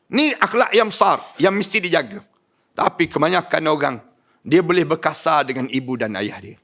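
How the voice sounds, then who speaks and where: Religious lecturer, male, northern Malaysian Malay accent, pitched high, exhorts a live audience with rhetorical questions. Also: fairly bright tone. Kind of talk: sermon.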